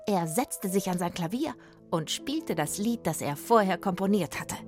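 A woman reading a children's story aloud, expressive and sometimes hushed. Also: medium pitch, moderate pace, over music.

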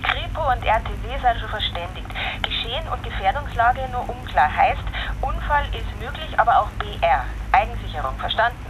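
A clipped police radio dispatcher. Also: female voice, a little high, animated, normal speed, noisy background. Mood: brisk. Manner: clipped, procedural radio talk ending each message with a sign-off. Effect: heard over a police radio. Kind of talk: radio play acting.

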